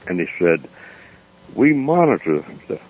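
A man with an Appalachian accent telling stories off the cuff as a radio interview guest, folksy, plain-spoken and unhurried. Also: low voice, big pitch swings, slightly rough. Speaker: interview guest, founder of a foundation. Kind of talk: unscripted storytelling in a radio interview. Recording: dull lo-fi radio interview sound.

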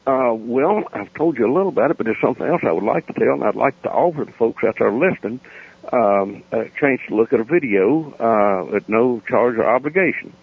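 A man with an Appalachian accent telling stories off the cuff as a radio interview guest, folksy, plain-spoken and unhurried. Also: medium pitch, lively intonation, creaky, husky, no room sound. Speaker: interview guest, founder of a foundation. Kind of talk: unscripted storytelling in a radio interview. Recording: dull lo-fi radio interview sound.

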